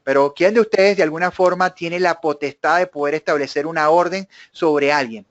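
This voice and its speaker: A man's voice: fairly high pitch, moderate pace, no room sound. A middle-aged man teaching an online workshop, explaining with family examples and checking in with questions. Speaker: instructor. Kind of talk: live online workshop lesson. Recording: dry, dull lo-fi webinar audio.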